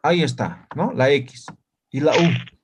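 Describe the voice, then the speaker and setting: Slow-spoken teacher. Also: male voice, a little high, slightly rough. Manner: explains slowly, often checks understanding with short tag questions. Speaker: language teacher. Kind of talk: online language lesson.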